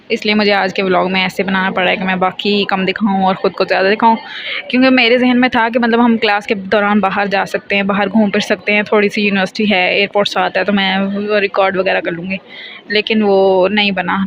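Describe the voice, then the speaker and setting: Young woman vlogger, rambling storyteller, even monotone delivery, muffled phone audio with clear background noise. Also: medium pitch. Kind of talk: casual vlog storytime.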